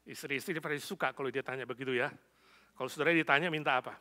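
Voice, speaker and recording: Forceful, sharp-voiced male preacher. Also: medium pitch, quick pace. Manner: tells an illustrative story, then builds to loud exhortation. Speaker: pastor. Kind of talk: sermon. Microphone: amplified microphone.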